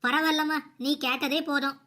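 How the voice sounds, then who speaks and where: A woman's voice: high voice, steady tone, fairly quick. A woman voicing a patient, submissive young daughter-in-law in a cartoon comedy. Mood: sad. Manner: soft, apologetic, pleading.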